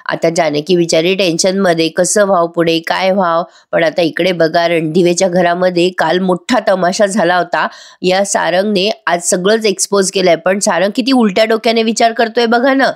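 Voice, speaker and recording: A woman's voice: lowish voice, fairly even intonation, normal speed. A woman giving a chatty voice-over recap of a TV serial, talking directly to viewers. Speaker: TV serial reviewer.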